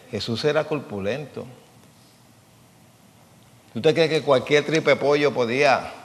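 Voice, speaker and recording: Man preaching in a reverberant hall. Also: medium pitch. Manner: plain-spoken, asks the congregation questions, jokes. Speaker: pastor. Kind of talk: conversational sermon.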